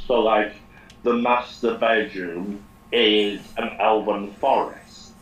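A man rambles slowly through a story from a tabletop game, pausing often on fillers. His voice sits a little low and rings in an echoey room. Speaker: podcast host. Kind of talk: casual chat, recounting a tabletop game.

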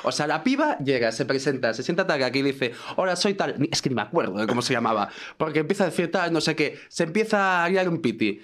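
A man's voice: fairly high pitch, fast talker, few pauses. A young man with a Spanish accent from Spain, telling a party story in a casual, slangy way among friends. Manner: animated anecdote teller, slangy.

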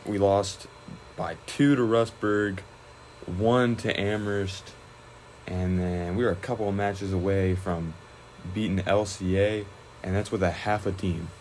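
A young man, a high school wrestler, chatting casually in an interview, relaxed and rambling with many fillers and restarts. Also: measured pace, slight background noise, poor audio.

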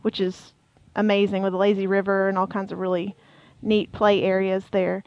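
A woman's voice: medium pitch, little pitch movement, normal speed, dry recording. Chatty woman on dull, lo-fi audio. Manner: chatty, many fillers and trailing restarts. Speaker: co-host of a theme park podcast. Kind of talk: casual chat.

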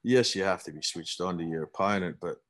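Young Australian male, very deep register, laconic drawl, dryly self-deprecating, relaxed podcast banter. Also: brisk. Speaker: podcast guest, amateur footballer. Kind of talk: casual chat.

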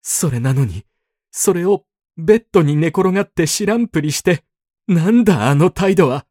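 A rough-talking grown man sobbing and pleading, his speech slurred and looping back on itself, as a male narrator puts him on. His voice leaps high and swings widely. The sound is dry and close. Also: lively intonation, moderate pace, a little mellow, no echo. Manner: sobbing, rambling, repeats himself.

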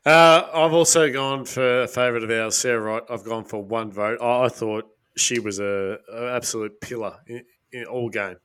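An Australian man on a sports podcast who states his opinions bluntly, leaning hard on the words that matter. His voice is bright, at an ordinary pitch. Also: normal speed, smooth. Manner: emphatic, blunt. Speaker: podcast co-host. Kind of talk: casual sports chat.

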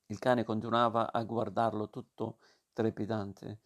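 A man reading a novel aloud as narrator, steady and measured. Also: lowish voice.

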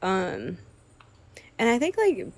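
A woman's voice: mid-range voice, huge pitch swings, slow pace. A young woman in casual podcast chat, talking loosely with constant "like" fillers. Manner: chatty, heavy use of 'like', laughs easily.

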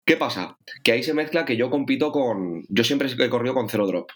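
Guy from telling a story on a podcast, middle pitch, swears a lot, acts out his thoughts. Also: fairly quick. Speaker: podcast co-host, triathlete. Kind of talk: casual chat.

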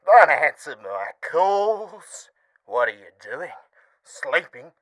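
A woman's voice: deep voice, very animated, slow pace, fairly bright tone, heavily acted, poor audio. An Australian woman playing a bitter, obsessive jilted husband in a melodramatic comedy voicemail rant. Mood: bitter, accusing. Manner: melodramatic, swinging from hiss to wail. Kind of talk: scripted comedy voicemail monologue.

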